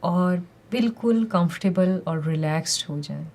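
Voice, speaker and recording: Speaking in a somewhat low voice, a woman leads a guided meditation, her instructions calm, gentle and unhurried, with pauses separating each phrase.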